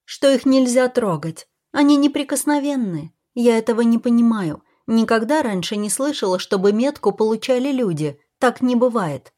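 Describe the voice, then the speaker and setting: A woman voicing an agitated, defensive woman who has been keeping a secret, shrill and pleading in a storybook reading. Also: expressive, normal speed, hardly any pauses, darkish tone. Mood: anxious.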